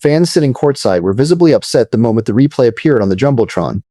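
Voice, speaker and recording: A man narrating scripted video commentary in a measured, dramatic storytelling manner. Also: medium pitch, expressive, warm tone, no room sound, clean studio sound.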